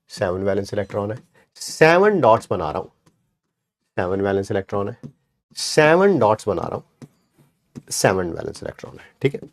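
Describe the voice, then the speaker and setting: Lively encouraging male chemistry teacher. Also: mid-range voice. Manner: encouraging, answers his own questions in students' voice; counts aloud while pointing at the board. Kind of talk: online class lecture.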